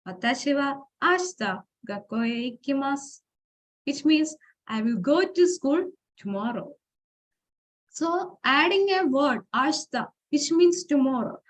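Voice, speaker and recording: Woman, high voice, informal lecture, explains step by step with pauses and fillers. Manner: explains slowly with frequent fillers and restarts; reads example phrases aloud. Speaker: forum speaker.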